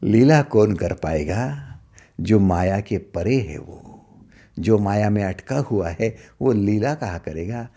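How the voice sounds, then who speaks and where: A middle-aged man giving a spiritual discourse as a teacher, asking rhetorical questions and swinging between loud emphasis and hushed asides. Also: on the low side, lively intonation, slow.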